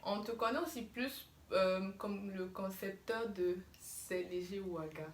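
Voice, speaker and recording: A young woman hosting a casual video interview, chatty and encouraging toward her guest. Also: mid-range voice. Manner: chatty, encouraging, quick to laugh. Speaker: YouTube host, interviewer. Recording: echoey room, faint ambience.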